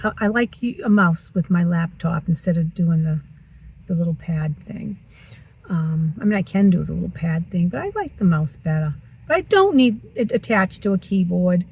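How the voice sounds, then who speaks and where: A woman's voice: fairly low pitch, animated, moderate pace, vocal fry, husky, muffled recording. A woman in her sixties vlogging from her parked car, chatty and teasing herself as she talks. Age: 60s. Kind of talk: casual chatty vlog.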